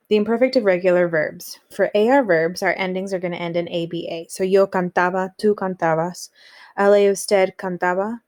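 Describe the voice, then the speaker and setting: A woman's voice: fairly low pitch, darkish tone. A woman teaching a recorded lesson on Spanish grammar, explaining rules steadily and reading example sentences aloud.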